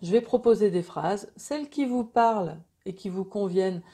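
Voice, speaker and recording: Reassuring woman coach with a mellow voice. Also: mid-range voice, normal speed. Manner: reassuring, encouraging. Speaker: wellness coach. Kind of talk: informal motivational talk to followers.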